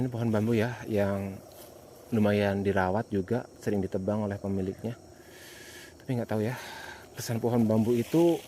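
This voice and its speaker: A man hosts a casual night exploration vlog. He talks to his viewers in hesitant, repetitive phrases broken by pauses. He is outdoors, with insect noise behind him. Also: on the low side, dark tone.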